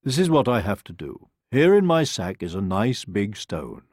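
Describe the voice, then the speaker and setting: A man reading a storybook, voicing an old toothless male wolf who speaks gently and persuasively. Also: lowish voice, very animated, normal speed, no room sound, clean studio sound. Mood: patient.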